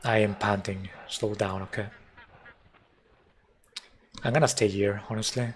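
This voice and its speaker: A man streams a mobile game live and talks it through at an unhurried pace. His commentary is wry and self-mocking. A faint hiss of noise sits under his voice. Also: on the low side, fairly even intonation.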